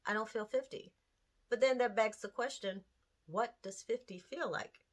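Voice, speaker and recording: A woman's voice: a little high, normal speed. A woman in her late fifties hosting a candid talk series, speaking earnestly and conversationally to the camera, with rhetorical questions and emphasis. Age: 50s. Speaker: host.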